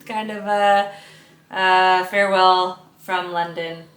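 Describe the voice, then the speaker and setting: Bubbly woman, slightly low voice. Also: steady tone, slow, fairly bright tone, echoey room. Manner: bubbly, gushing, chatty. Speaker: vlogger. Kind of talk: casual haul vlog chat. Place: home bedroom.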